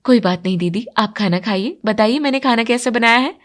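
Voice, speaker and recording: A woman's voice: a little high, brisk, natural voice. A woman voicing an outspoken, cheerful young bride in a cartoon story. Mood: playful. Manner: playful, outspoken.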